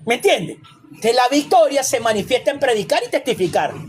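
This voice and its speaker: A man's voice: extremely high pitch, very animated, a little fast, a little hiss or hum. A man preaching a sermon as a pastor, emphatic and repetitive, with rhetorical questions and asides.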